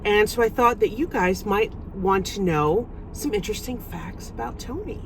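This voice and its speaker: A woman's voice: mid-range voice, expressive, normal speed, a little hiss or hum, low-quality recording. A woman hosting a casual, chatty interview from inside a parked car. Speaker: host.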